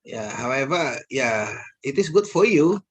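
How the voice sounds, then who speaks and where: Slow-talking Indonesian man, upbeat teacher. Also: mid-range voice, big pitch swings, husky. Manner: enthusiastic, laughs often, tags sentences with "ya". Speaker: English course teacher. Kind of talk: casual class chat.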